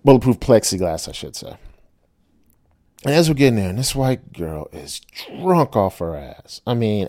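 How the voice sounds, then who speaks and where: A middle-aged man with a lowish voice who tells a personal story casually and chattily. He keeps checking in with a quick "right?" and laughs easily. The sound is dry and close, with no room around it. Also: a little mellow, dry recording. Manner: chatty, tags lines with "right?", laughs often.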